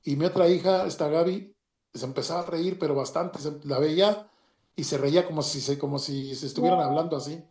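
A man with a Mexican Spanish accent tells a personal story in a halting way, with many restarts and retold dialogue. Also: a little high, darkish tone. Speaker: storyteller giving a personal testimony. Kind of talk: emotional personal story, casual. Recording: roomy echo.

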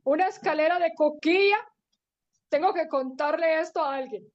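A woman's voice: high-pitched, moderate pace, lightly acted. A woman voicing Jacob, a sleepy young man, yawning and drawling his words, on a dull lo-fi recording. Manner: drowsy, yawning.

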